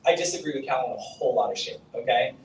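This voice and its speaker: A man's voice: mid-range voice, fast talker, roomy sound, recorded from a distance, a little hiss or hum, rough recording. A man giving a casual, profane storytelling talk on stage at a summit, leaning on "like" and "okay?". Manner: casual, profane, self-deprecating, lots of "like" and "okay?". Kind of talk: storytelling keynote speech. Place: conference hall.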